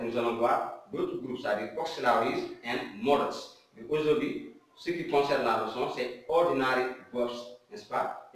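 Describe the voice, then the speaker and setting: A man from Senegal, an English teacher, explaining grammar slowly and repeating himself, checking in with rhetorical questions. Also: mid-range voice. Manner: slow, repetitive, rhetorical questions. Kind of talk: classroom grammar lesson. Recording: echoey room, mic at a distance.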